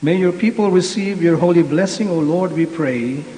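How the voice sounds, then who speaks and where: A man, a priest intoning prayers in a measured way at an online Mass, his voice carrying a cathedral echo. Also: fairly high pitch, dark tone. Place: large church. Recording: echoey hall with faint hiss.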